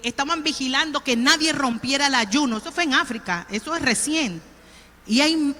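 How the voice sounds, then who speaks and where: High, bright Panamanian woman preaching. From Colón, Panama. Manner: conversational preaching, often checks with the congregation. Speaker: pastor. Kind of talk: sermon. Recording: reverberant church hall.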